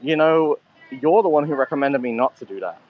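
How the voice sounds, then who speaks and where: A man's voice: mid-range voice, animated, fairly quick, narrow, tinny audio. A man telling a rambling story in casual chat, swearing often, speaking from a convenience store. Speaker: co-host of a live audio chat.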